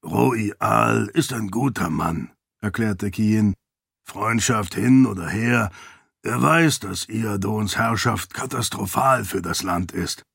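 Casting: stout wry uncle, voiced by a man, deep gravelly rasp, low and husky, dry close sound. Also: slow pace, a bit bright, no room sound, heavily acted. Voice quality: deep, raspy.

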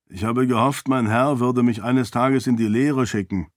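An earnest laborer, plain-spoken and respectful, as a male narrator puts him on. His voice is set a little higher than the narration. The recording is dry and close. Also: steady tone, moderate pace, dry recording, lightly acted. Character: earnest grown laborer, a plain hopeful man. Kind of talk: audiobook character voice.

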